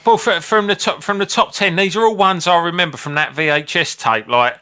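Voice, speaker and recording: A man co-hosting a comedy podcast, chatting in an animated, sweary way. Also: sits high, brisk. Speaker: podcast co-host. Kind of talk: casual comedic banter.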